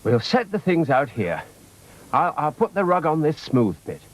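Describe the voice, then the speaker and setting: A man's voice: on the high side, big pitch swings, normal speed, pitched above the performer's own voice. A man voicing a kindly, cheerful mother in a children's story.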